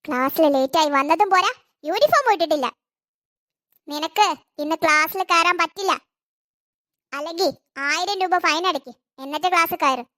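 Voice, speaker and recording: A woman's voice: very high-pitched, lively intonation, moderate pace, pauses often, sharp tone, full character voice. Woman voicing a stern cartoon school principal. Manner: stern, reprimanding. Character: strict female school principal.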